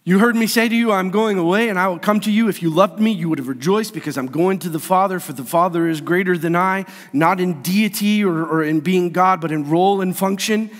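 A male pastor preaching a sermon, animated and playful, acting out scenes with funny voices. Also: high-pitched, brisk, hardly any pauses, in a large hall. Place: church sanctuary.

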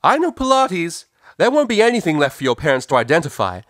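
A man's voice: medium pitch, expressive, normal speed, darkish tone, dry recording, clean studio sound, voice pushed up, close to an everyday voice. A man voicing a prim, determined young female cellist pony who talks properly and scolds, in an audiobook reading. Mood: furious. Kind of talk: audiobook character voice.

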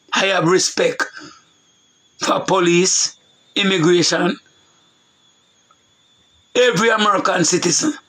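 Jamaican guy preaching, high husky voice, says things over and over. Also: fairly bright tone, rough recording. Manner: repetitive, emphatic preaching with Jamaican patois. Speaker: preacher on a talk show. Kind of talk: loose preaching monologue.

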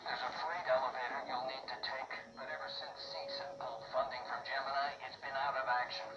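A curt official on a radio link barks out instructions in a game. His voice comes through a radio filter, and the sound is dull and lo-fi. He sounds even in pitch and gives his orders with no warmth. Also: a little fast, over music. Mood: terse. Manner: terse, giving orders.

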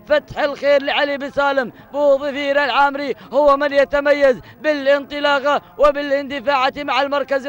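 A man calls a race live in a very high voice, stacking phrase on phrase in a rhythmic flow. His delivery stays flat and even. The recording sounds muffled and lo-fi. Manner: rhythmic, piling up phrases of praise. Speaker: race commentator. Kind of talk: excited live race commentary.

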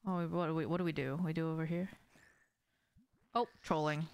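With a deep, darkish and clean-toned voice, a young woman streams a game at normal speed and with fairly even intonation. She chats informally to viewers, swearing and reacting to gameplay, from a small indoor room at home.

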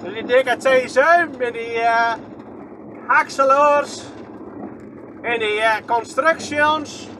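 This vlogger has a very high, bright, forceful voice, speaking slowly with frequent pauses, and there's a little hiss or hum. With a Groningen accent, he gives casual, rambling commentary from a moving vehicle, filming handheld and questioning himself.

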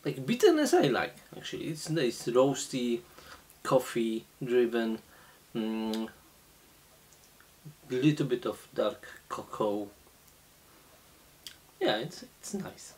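Slow, halting man reviewing beer. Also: mid-range voice, sing-song, a little mellow. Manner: slow, halting, many fillers and restarts. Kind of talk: casual beer tasting review. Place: small indoor room, seated at a table.

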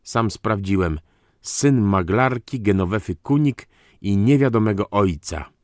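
A man reading an audiobook voices a proud, unstable aristocratic count who bursts out in indignant, theatrical shouts. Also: on the low side, lively intonation, measured pace, no echo, clean studio sound, pitched above the performer's own voice. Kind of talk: audiobook character voice.

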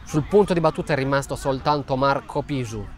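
A man's voice: mid-range voice, a little fast. A man giving live play-by-play commentary on a football match.

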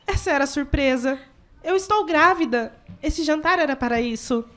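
An earnest young pregnant woman caught in forbidden love, acted by a woman for a radio soap opera. Her voice is high. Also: moderate pace, fairly bright tone. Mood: distressed.

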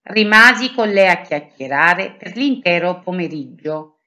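Slow, expressive woman reading a story. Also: lowish voice. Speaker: storybook reader. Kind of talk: reading a children's story aloud.

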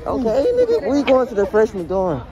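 A man's voice: sits high, wildly swooping pitch, brisk, muffled recording. A teenage boy joking and acting cocky while filmed outdoors on a campus visit. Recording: phone video with crowd noise.

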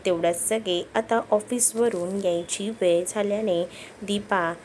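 A woman narrating a romantic story, reading both lovers' lines in her own soft, steady voice. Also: mid-range voice, unhurried, a little hiss or hum. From Maharashtra, India.

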